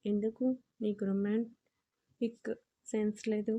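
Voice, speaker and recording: A woman's voice: medium pitch, level tone, slow pace, mellow. A woman voicing a playful young man who teases his girlfriend in an audio story, her speech bantering and affectionate. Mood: teasing. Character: teasing playful young man, college-aged lover. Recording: dull lo-fi audio.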